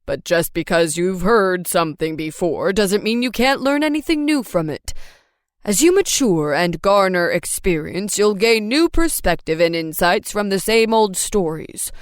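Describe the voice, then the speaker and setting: A woman voicing a warm, steady adoptive father who speaks in measured, gentle counsel, in an audiobook. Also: mid-range voice, no room sound, studio quality, close to an everyday voice. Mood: fatherly. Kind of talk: audiobook character voice.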